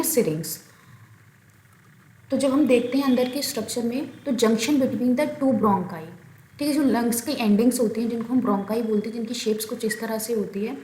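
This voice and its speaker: A woman's voice: on the high side, darkish tone, slight background noise. Woman teaching in an echoey room. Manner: explains step by step, frequent filler checks. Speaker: biology teacher. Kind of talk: recorded lecture. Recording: echoey room, faint ambience.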